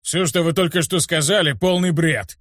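A man voicing a gruff, irritable grown man who talks brusquely. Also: on the high side, animated, moderate pace, fairly bright tone, no room sound, studio quality, pitched above the performer's own voice.

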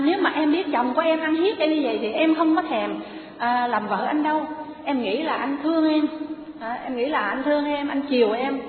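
A woman voicing a sulky, demanding newlywed wife who wails her complaints in a high voice. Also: lightly acted. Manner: wailing, high-pitched complaint. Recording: echoey hall over a tinny phone-like line.

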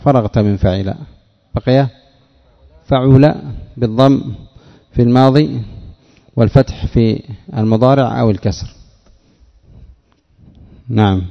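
A man teaching a classroom lesson, putting questions to his students and drilling word patterns slowly. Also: mid-range voice, gravelly. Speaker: teacher of Arabic morphology. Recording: dull audio with long hall reverb.

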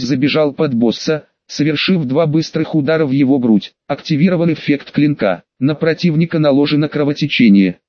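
A man reading a fantasy audiobook in steady, scripted narration. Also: a little high, no room sound, dull audio. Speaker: audiobook reader.

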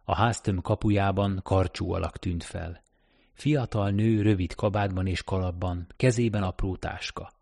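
Deep gravelly male narrator. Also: steady tone, a little mellow, no room sound, studio quality. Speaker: audiobook narrator. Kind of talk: scripted narration.

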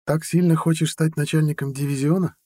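A man reading an audiobook, voicing a playful, teasing young woman, the narrator's girlfriend, in a lighter, higher voice. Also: steady tone, fairly quick, a little mellow, dry recording, lightly acted. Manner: light, teasing, giggly speech.

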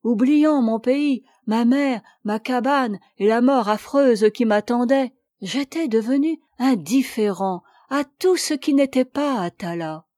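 A woman reading a classic novel aloud as an audiobook, in a measured, expressive way. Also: a little high, dry recording, studio quality. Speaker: audiobook reader.

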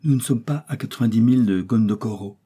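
A man's voice: medium pitch, quick pace, dark tone, husky, lightly acted. A man voicing a determined male explorer doctor, giving firm, assured commands in an audiobook.

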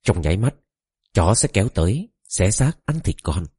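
A man reading the tearful plea of an old queen mother begging her son, in a deep, husky voice. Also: sing-song, moderate pace, dark tone, dry recording, studio quality, heavily acted. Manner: pleading, tearful recitation.

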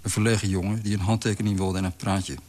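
A man reading a literary story aloud in a calm, measured way. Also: on the low side, slight background noise. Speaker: narrator. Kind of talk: scripted literary narration.

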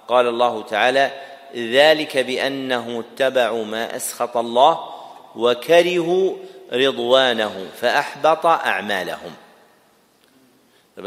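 Man lecturing slowly in an echoing hall. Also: mid-range voice, fairly bright tone. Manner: repeats key terms slowly for dictation, quizzes students. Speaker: Islamic scholar teaching a class. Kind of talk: classroom lecture on creed.

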